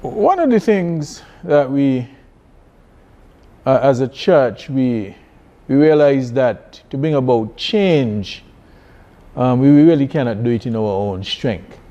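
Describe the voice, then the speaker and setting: A man from Saint Kitts with a Kittitian accent, answering as a church leader in an interview, haltingly and deliberately, often repeating words. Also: medium pitch, animated, dark tone, highs cut off. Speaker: church district superintendent being interviewed.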